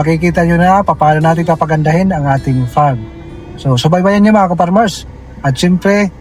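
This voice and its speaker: A man talking casually in a vlog from inside a parked car, switching between chatting to viewers and gently cooing to soothe his baby. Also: low-quality recording. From Philippines. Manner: soothing and cooing, high and sing-song. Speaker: farming vlogger and father.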